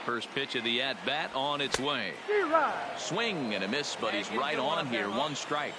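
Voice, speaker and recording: A man's voice: mid-range voice, sing-song, measured pace, very noisy. An American man in an announcer voice, calling baseball play-by-play as a broadcast commentator. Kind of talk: announcer voice, broadcast sports commentary in a video game. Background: stadium crowd and music.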